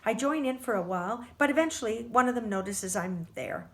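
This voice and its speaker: A woman reading a novel aloud for a book club, expressive and stumbling now and then over words. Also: a little high, a little fast.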